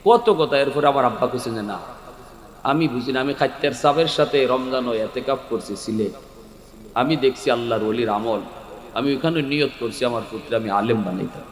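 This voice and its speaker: A man with a Sylheti Bengali accent giving a sermon, swinging from shouted peaks to quiet storytelling. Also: mid-range voice, moderate pace. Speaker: preacher. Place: large outdoor or hall religious gathering. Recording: echoey hall with long reverb.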